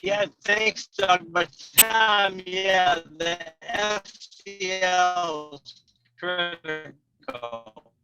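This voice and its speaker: A man's voice: sits high, bright, forceful tone, soft background music. A man speaking in a remote meeting over a bad connection that breaks up and sounds muffled. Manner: halting, broken-up phrases. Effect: bad call connection, breaking up and muffled. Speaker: meeting participant. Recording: lo-fi muffled call audio.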